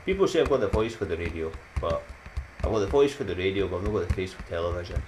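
Animated and fast-talking, this low-voiced Scottish YouTuber in his thirties chats with viewers in a rambling, upbeat vlog outro, laughing at his own jokes and offering motivational sayings. The setting is a small, dim room at home, and the background is noisy.

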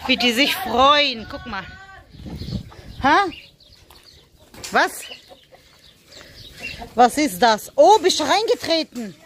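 A woman's voice: high-pitched, expressive, slow pace, long pauses, a bit bright. A German woman vlogging casually on a small farm, chatting and cooing at her animals and kids. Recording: faint farmyard noise, chickens.

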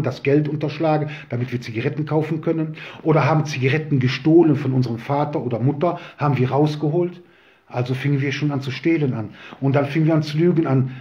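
Earnest preacher, lo-fi sound. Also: male voice, fairly high pitch, darkish tone. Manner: earnest preaching, rising when quoting Jesus. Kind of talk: sermon.

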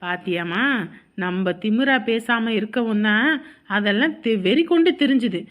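A young married daughter in a cartoon, voiced by a woman, with a clearly high voice. She complains in a plaintive way. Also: moderate pace, lightly acted. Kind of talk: cartoon voice acting.

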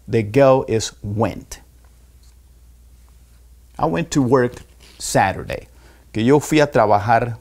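A man teaching a spoken lesson, explaining words slowly and repeating example phrases for learners to copy. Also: medium pitch, darkish tone. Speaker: English teacher.

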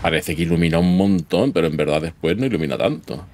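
A man's voice: deep voice, quick pace, noisy background. A man giving casual gameplay commentary, chatting to himself as he plays and letting out sudden yelps. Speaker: gaming YouTuber. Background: game music.

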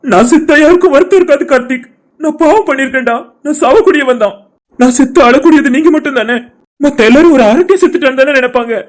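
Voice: high-pitched, fast, close to an everyday voice. [name], a voice artist doing a despairing young man. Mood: pleading. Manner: pleading, tearful and broken. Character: grieving young man, desperate and suicidal. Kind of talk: animated cartoon drama voicing.

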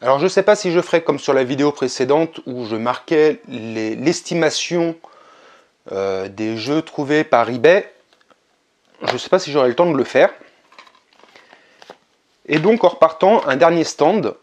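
Chatty man, slightly high voice. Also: a little slow, long pauses. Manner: relaxed, chatty, with hesitations. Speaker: video game collector vlogger. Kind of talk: casual vlog narration.

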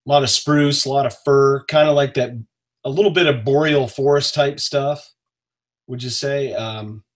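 Relaxed man hosting a video call. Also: medium pitch. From northern Maine. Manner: relaxed, friendly, with frequent "uh" pauses. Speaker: host. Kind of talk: casual live-stream chat. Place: small home office. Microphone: webcam on a video call.

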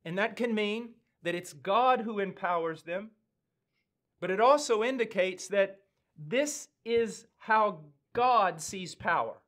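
A man in his fifties with an American accent, preaching a sermon in a slow, earnest, emphatic way with weighty pauses, seated in a studio. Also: high voice, fairly bright tone. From United States. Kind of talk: sermon teaching. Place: studio with dark backdrop, indoors.

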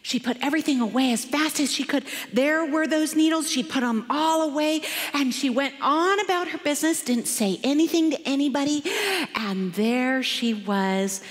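Animated high-voiced woman telling a kids' story. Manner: animated, slow and dramatic, drops to whispers. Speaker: children's storyteller. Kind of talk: children's story in a church service. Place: church sanctuary. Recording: long church hall reverb.

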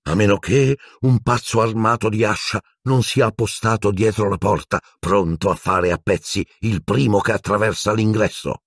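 A man's voice: lowish voice, steady tone, normal speed, hardly any pauses, no room sound, clean studio sound, pitched above the performer's own voice. A man voicing a strict, severe older female professor with a clipped, cool delivery in an audiobook reading. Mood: icy.

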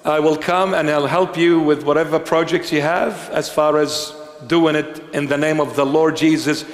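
A man's voice: a little high, steady tone, normal speed. Dramatic preaching man in a big echoing hall. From Australia. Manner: dramatic, swinging from pleading to stern. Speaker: bishop. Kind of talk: sermon. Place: large church hall. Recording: roomy hall with long reverb.

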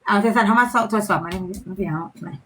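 A woman's voice: medium pitch, fast, a bit bright, husky, low-quality recording. A young adult woman with an Isan Thai accent, chatting playfully as a livestream seller and laughing often. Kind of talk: casual live-selling chat.

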